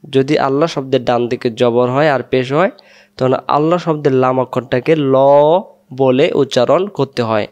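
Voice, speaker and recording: A man teaching a tajweed pronunciation lesson, explaining in quick bursts and then reciting verses slowly and drawn out, repeating syllables for drill. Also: medium pitch, fairly even intonation.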